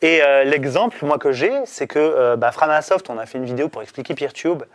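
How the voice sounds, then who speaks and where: A man's voice: a little high, a little fast. A middle-aged man, an interview guest, explaining in casual chat, rambling with many fillers and restarts.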